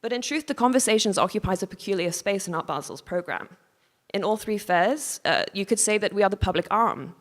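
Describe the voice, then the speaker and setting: Female lecturer, measured formal delivery, conference hall reverb. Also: medium pitch. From Hong Kong. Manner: measured, formal reading with occasional restarts and apologies. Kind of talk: reading a prepared conference lecture.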